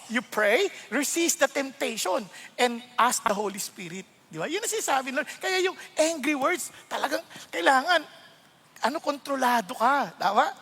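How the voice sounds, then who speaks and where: A middle-aged male pastor preaching a sermon, animated and laughing often as he mixes English into his talk. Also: extremely high pitch, vocal fry. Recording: long reverb of a large hall.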